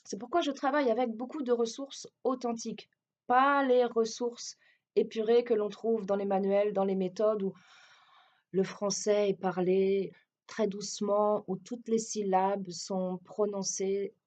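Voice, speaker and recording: A woman's voice: mid-range voice, flat delivery, unhurried, a little mellow, lo-fi sound. A French woman who teaches French gives a hesitant, explanatory self-introduction with a French accent, often restarting her sentences. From France.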